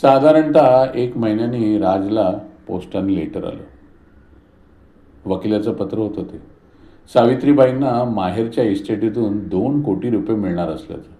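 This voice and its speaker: Low, mellow male storyteller. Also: normal speed. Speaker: narrator. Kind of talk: scripted story reading. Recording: roomy echo.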